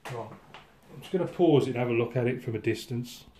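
A man's voice: mid-range voice, fast. A man, giving a casual watercolour lesson at his easel and thinking aloud with many restarts. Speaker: watercolour painting instructor. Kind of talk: casual painting demonstration. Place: indoor studio at an easel. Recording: echoey room with clear background noise.

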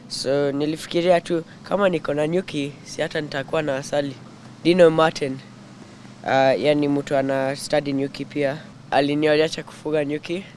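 A fourteen-year-old boy, casually explaining beekeeping and mixing Swahili and English. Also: on the high side. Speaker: young beekeeper being interviewed. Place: outdoors in a leafy garden. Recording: outdoor field recording with clear background noise.

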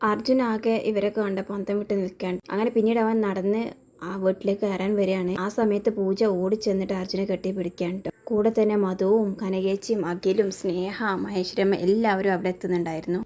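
A woman retelling a TV serial episode in a quick, even casual manner. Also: medium pitch. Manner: quick even retelling, tag particle "ട്ടോ". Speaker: serial review narrator.

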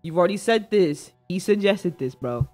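In an indoor streaming setup with faint background music, a young man bantering playfully with chat gives casual reaction commentary in slangy, informal speech. His high-pitched, darkish voice has lively intonation at a normal speed.

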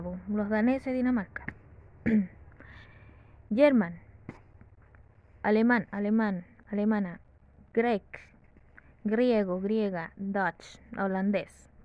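A woman teaching English to Spanish speakers, slowly reading example sentences and translating each one, with small self-corrections. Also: mid-range voice, darkish tone, dry recording, rough recording.

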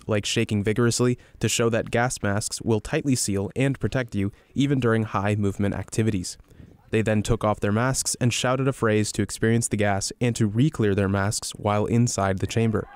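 A man's voice: fairly low pitch, steady tone, fairly quick, a little mellow, smooth. A young man reading a scripted news narration as a military reporter.

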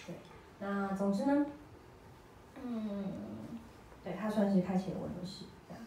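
A woman's voice: mid-range voice, moderate pace, dark tone. A young woman and singer-songwriter chatting casually between songs at a live gig in a small cafe, self-teasing and laughing between phrases. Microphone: vocal mic on a stand, heard from the room. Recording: very echoey, from far off, faint noise.

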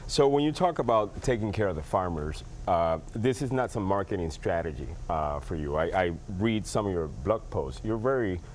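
Very deep-voiced man hosting a TV interview. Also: animated, moderate pace, few pauses, a little hiss or hum. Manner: friendly, hesitant questions full of uh. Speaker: TV show host. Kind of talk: TV studio interview. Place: TV studio. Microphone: lapel.

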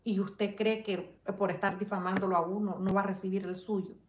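A woman's voice: medium pitch, flat delivery, normal speed, echoey room, a little hiss or hum. A woman hosting a live chat, reading viewers' comments and indignantly defending herself, with religious phrasing. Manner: indignant, defends herself and addresses a rival directly; religious phrasing, prays for her audience. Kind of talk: casual live-stream chat.

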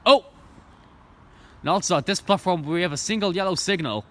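The voice sits high, expressive and fairly quick: a young man from Ireland vlogging trains from an outdoor station platform via the phone camera in his hand. He narrates in an enthusiastic, rambling way, full of ums and restarts.

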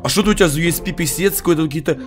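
Молодой мужчина, стример, в гарнитуре дома насмешливо разыгрывает собеседника по голосовой связи. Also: male voice, fairly high pitch, rapid-fire, over music. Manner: mocking, playful, loud exclamations. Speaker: game streamer. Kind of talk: teasing prank call while playing. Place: home streaming room. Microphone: headset.

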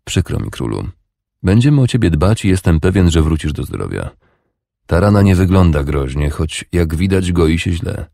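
A man voicing a calm, polite young jarl who answers in measured replies. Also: low-pitched, vocal fry, dry recording, clean studio sound, heavily acted.

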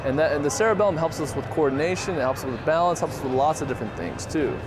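A TV host and doctor in his thirties, wearing a lapel mic in a busy indoor shopping mall, walks participants through simple tests and explains them encouragingly. His voice is fairly high and fast, and the recording picks up background music, public bustle and other noise.

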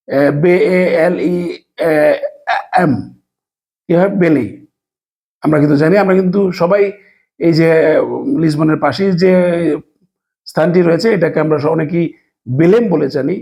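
Gravelly Bangladeshi man teaching a lesson. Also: on the high side, mellow. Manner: explains slowly, spells out letters, frequent fillers. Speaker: language teacher. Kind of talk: casual spoken lesson.

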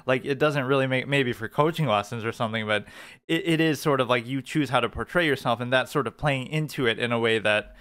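A man's voice: mid-range voice, brisk, a bit bright, clean tone. A man giving opinionated, off-the-cuff reaction commentary in a critical, argumentative manner.

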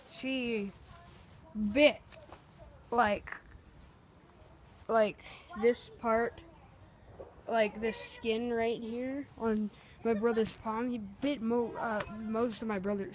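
A young girl rambles casually through a cooking vlog, making it up as she goes, filmed on a handheld phone camera in her home kitchen and backyard. Her voice is a little high, with slight background noise.

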